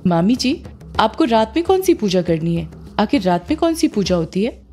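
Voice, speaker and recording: A woman's voice: mid-range voice, sing-song, moderate pace, mellow, soft background music, close to an everyday voice. A woman voicing an earnest young man who speaks firmly and bluntly in a storybook reading. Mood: questioning.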